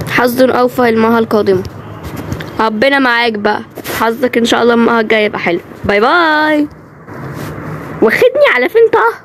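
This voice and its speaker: A woman's voice: a little high, a little hiss or hum. Egyptian woman voicing a home-made cartoon drama. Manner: quick, chatty lines shifting from role to role.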